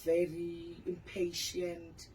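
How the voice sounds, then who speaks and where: A woman's voice: fairly low pitch, completely flat delivery, drawn-out words, mellow, a little hiss or hum, low-quality recording. Earnest woman guest in her forties. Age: 40s. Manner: earnest, candid, personal storytelling. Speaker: pastor and author, guest. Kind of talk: radio interview.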